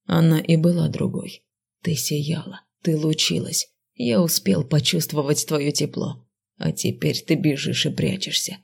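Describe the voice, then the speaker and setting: A woman voicing a calm, brooding adult male dark mage teacher in an audiobook, speaking quiet and reproachful. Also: low voice, a little slow, creaky, husky, full character voice. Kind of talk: audiobook character voice.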